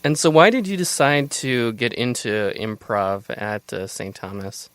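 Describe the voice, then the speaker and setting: A podcast host asking questions with halting restarts. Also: medium pitch, clear, resonant tone, no room sound. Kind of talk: casual podcast interview.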